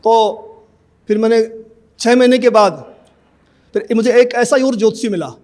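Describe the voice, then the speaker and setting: A man's voice: very high-pitched, normal speed, darkish tone. A man in his fifties giving an earnest personal testimony in an interview, telling his story and acting out remembered conversations. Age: 50s.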